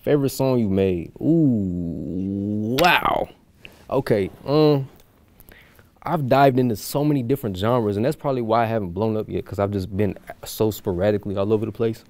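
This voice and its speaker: Low-voiced young man, rambling casually. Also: moderate pace, a little mellow. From Houston, USA. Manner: rambling, loose, with many fillers. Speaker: guest musician. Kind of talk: casual chat.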